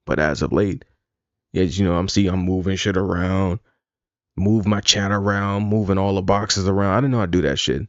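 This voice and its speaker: A man's voice: sits low, fairly even intonation, normal speed, dry recording. A man streaming live, talking casually, rambling and bluntly profane. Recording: dull lo-fi dry sound.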